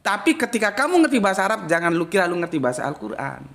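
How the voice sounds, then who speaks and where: A man giving a casual religious lecture as an Islamic study teacher, blunt and slangy, jumping from loud emphatic bursts to low muttered asides. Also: very animated, rapid-fire, creaky.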